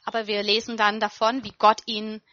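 A woman preaching a sermon in an earnest, emphatic way, slowing down to stress quoted verses. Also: medium pitch, completely flat delivery, fairly bright tone, no room sound, dull audio.

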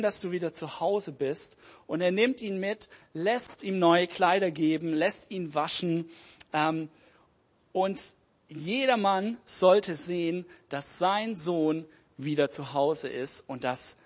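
A man preaching a sermon who retells a parable in an animated, storytelling way, moving between loud and hushed passages. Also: fairly high pitch, slow.

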